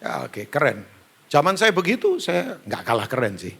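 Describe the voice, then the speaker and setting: This middle-aged, Indonesian-accented pastor has a slightly high voice with vocal fry and speaks at a moderate pace against a noisy background. His storytelling sermon is lively and full of jokes, with acted-out dialogue and asides to the band and congregation.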